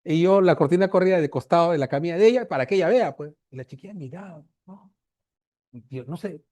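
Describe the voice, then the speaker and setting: A Peruvian man in his fifties, a doctor lecturing, telling a case story and acting out the dialogue with lively voices. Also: on the high side, fast talker, no echo. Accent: Peruvian Spanish. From Peru. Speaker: medical lecturer. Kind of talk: anecdote in an online lecture.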